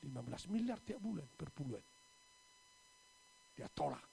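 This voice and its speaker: A male pastor preaching a sermon, telling stories dramatically and acting out the people in them with sudden loud bursts. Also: a little high, very animated, normal speed, creaky, a little hiss or hum. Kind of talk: sermon with storytelling. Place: church.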